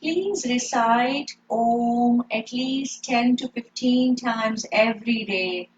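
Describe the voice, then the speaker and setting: Slow, calm woman guiding yoga. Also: medium pitch, slight background noise, poor audio. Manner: slow, calm, gently repeats breathing cues. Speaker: yoga instructor. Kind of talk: guided yoga instruction.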